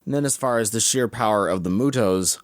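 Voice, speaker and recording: A man with a very low, deep voice co-hosts a casual podcast chat. He speaks in a measured, halting way and sometimes restarts his sentences. The sound is dry and close to the mic. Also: dry recording. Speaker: podcast co-host. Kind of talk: casual chat about films.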